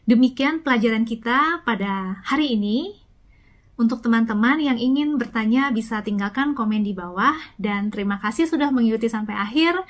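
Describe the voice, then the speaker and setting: A woman hosting an online language lesson, saying each example sentence slowly and carefully and repeating it for practice. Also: on the high side. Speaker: Japanese language teacher and channel host.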